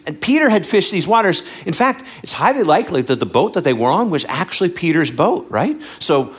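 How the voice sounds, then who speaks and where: A male pastor delivering a lively sermon, sometimes acting out the lines he quotes. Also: on the high side, brisk, slightly rough. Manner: animated, acts out voices and quotes. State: bad back.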